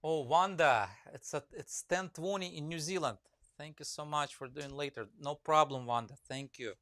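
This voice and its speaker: Greeting viewers by name and reading out their comments, a Russian-accented woodcarving teacher rambles through a casual live stream full of fillers. His voice is a little high and fairly bright at a moderate pace, with no room sound.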